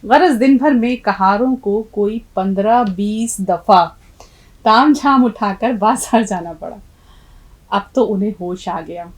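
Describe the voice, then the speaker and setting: A woman's voice: mid-range voice, rough recording. A middle-aged woman from India teaching an Urdu lesson, spelling words letter by letter and giving learners direct instructions. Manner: spells words letter by letter, slowing on each sound. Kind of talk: classroom language lesson.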